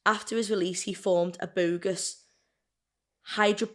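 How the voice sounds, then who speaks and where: Co-hosting a podcast, this woman reads a true-crime case from her notes in a relaxed, conversational manner, sometimes tripping over her words. Her voice sits fairly low and stays steady at a moderate pace, interrupted by burps and hiccups.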